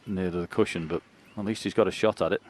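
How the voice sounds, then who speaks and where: A man's voice: sits low, fairly even intonation, fast talker. A man giving casual, conversational snooker commentary, reacting to the shots. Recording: loud crowd noise in arena.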